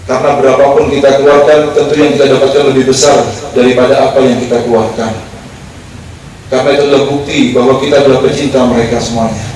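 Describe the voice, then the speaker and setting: A man's voice: mid-range voice, flat delivery, quick pace, darkish tone. Echoey preacher man exhorting a crowd. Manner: exhorting, asks the crowd "paham ya?". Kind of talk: sermon. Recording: very echoey, far from the mic, with noise.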